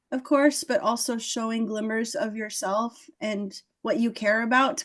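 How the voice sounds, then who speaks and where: A woman hosting a casual chat, talking enthusiastically and acting out little quotes as she gives advice. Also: fairly high pitch. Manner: animated, enthusiastic, acts out quotes. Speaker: host.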